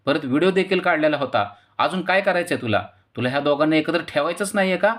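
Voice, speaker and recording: A man's voice: medium pitch, fairly quick, natural voice. A man voicing a stern older family head. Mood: scolding. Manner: scolding, loud and rising.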